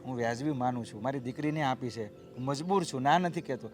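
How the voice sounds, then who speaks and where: A middle-aged actor playing a humble father who pleads earnestly and tries to calm others. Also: mid-range voice, fast, faint music behind, lightly acted. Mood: pleading. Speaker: actor in a family drama.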